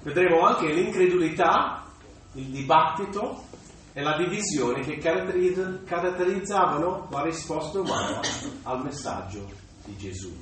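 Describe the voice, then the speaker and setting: Male preacher, lively and animated, stumbles briefly now and then. Distant mic, big echo. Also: fairly high pitch, normal speed. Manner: animated, with small restarts. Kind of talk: sermon. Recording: echoey room, distant mic, faint noise.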